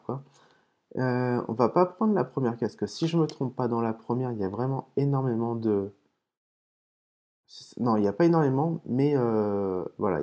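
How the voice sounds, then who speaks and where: Mellow-voiced man explaining his case openings. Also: mid-range voice. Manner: explains terms patiently, curses softly at his own slips and apologizes; hesitant, with frequent "euh" and restarts. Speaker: gaming video host. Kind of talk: casual commentary while opening game cases.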